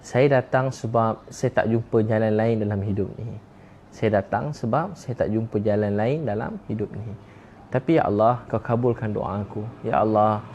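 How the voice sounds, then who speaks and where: Pleading young sinner, as a Malaysian preacher acts him out. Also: male voice, lowish voice, a little mellow, a little hiss or hum, lightly acted. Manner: pleading, repetitive. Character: desperate young male sinner begging forgiveness.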